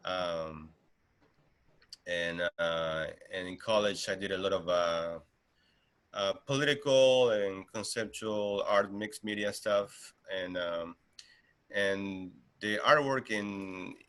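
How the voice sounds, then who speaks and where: A man's voice: deep voice, slow, fairly bright tone. A man in his thirties from Argentina, a guest artist talking casually in an interview, with many fillers and restarts.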